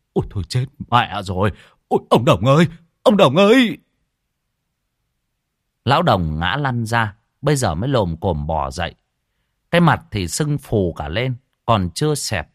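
A man narrating an audio story in a lively storytelling voice. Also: lowish voice, no room sound, studio quality.

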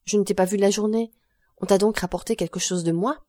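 A woman's voice: mid-range voice, steady tone, a little fast, darkish tone, dry recording, lightly acted. A woman reading an audiobook, voicing an earnest young woman who speaks anxiously and affectionately to her grandfather. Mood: pleading.

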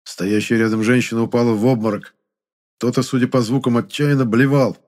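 Male narrator for a first-person fantasy audiobook, steady and even. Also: mid-range voice, a little fast.

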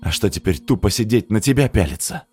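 A man's voice: fairly low pitch, lively intonation, fairly quick, mellow, faint music behind, natural voice. A man doing a surly cynical young guy. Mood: sullen. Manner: sullen, snapping. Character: angry cynical young man, sullen and gruff.

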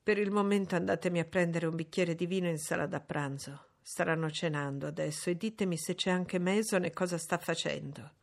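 A woman voicing a brooding, troubled middle-aged gentleman in an audiobook, speaking low and grave. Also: fairly even intonation, a little fast, gravelly, few pauses. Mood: grave, shaken. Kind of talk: audiobook reading.

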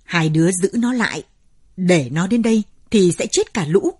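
A woman's voice: fairly low pitch, moderate pace, breathy edge. A woman voicing a grim, cold old village man. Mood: menacing. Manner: flat and hard, spoken through the teeth.

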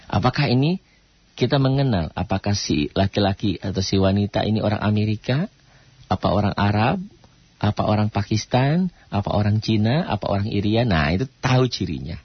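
A man leads a radio call-in lesson on Quran recitation, his voice low and slightly rough. He keeps posing questions and answering them himself, stretching out chanted examples. The lo-fi broadcast sound is dry and dull. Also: no room sound.

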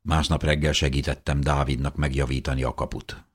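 A man narrating a first-person audiobook in an earnest, measured way. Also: a bass voice, flat delivery.

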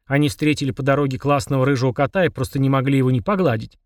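A man narrating a children's audiobook in a lively, playful manner. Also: mid-range voice, racing, dry recording, clean studio sound.

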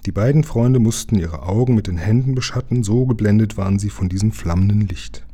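A man reads a children's book aloud in a calm, measured way. His voice is low, very dark and somewhat husky. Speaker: reader.

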